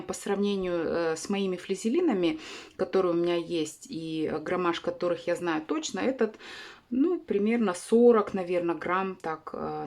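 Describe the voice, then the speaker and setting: A woman hosting a sewing channel, explaining a craft tutorial carefully, often pausing with hesitation sounds. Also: medium pitch, a little mellow.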